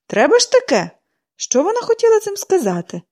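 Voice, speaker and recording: A woman's voice: very high voice, huge pitch swings, a little fast, warm tone, voice pushed up, full character voice. A woman reader voicing an irritable, bedridden older woman who grumbles peevishly. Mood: grumbling.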